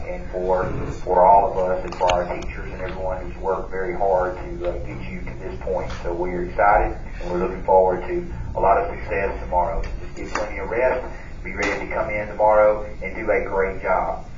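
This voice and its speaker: A very deep, flat-voiced man speaks through a school intercom, his voice distant and echoing around the classroom. The speaker sounds muffled and dull with a faint hiss underneath. He halts often, filling gaps with hesitations as he goes. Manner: halting, many "uh" fillers and restarts. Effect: school intercom loudspeaker. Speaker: school administrator making announcements. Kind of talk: PA announcements.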